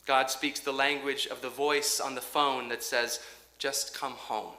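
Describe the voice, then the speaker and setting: A man preaching a sermon as pastor, in a measured, rhythmic way with dramatic pauses and quiet drops. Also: mid-range voice, flat delivery. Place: church sanctuary. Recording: echoey church sanctuary.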